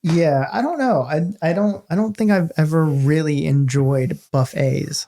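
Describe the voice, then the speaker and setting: A man's voice: fairly high pitch, normal speed, dark tone. A man co-hosting a podcast, talking in a rambling, casual way with many restarts. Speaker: podcast co-host. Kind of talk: casual chat.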